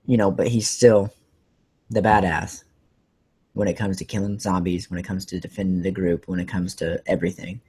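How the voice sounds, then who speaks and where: A man hosting a casual podcast, rambling excitedly with lots of fillers and restarts. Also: on the low side, husky. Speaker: podcast host.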